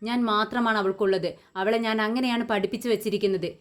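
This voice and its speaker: A woman's voice: medium pitch, fairly even intonation, quick pace, natural voice. A woman voicing a bitter, stubborn young mother who curtly refuses her family. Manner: curt defiant.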